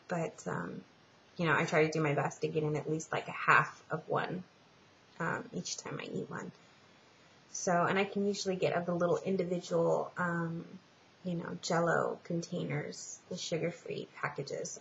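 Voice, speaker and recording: Casting: female vlogger, lowish gravelly voice, halting and rambling, casual update delivery. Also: fairly bright tone. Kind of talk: casual personal update vlog. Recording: muffled, lo-fi home recording with hiss.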